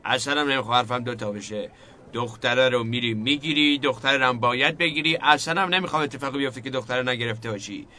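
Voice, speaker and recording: An older man playing a gruff, commanding father who scolds his son and orders him to marry. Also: mid-range voice, bright, forceful tone, slight background noise, close to an everyday voice. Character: stern bossy old father pushing his son to marry. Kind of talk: comedic TV drama acting.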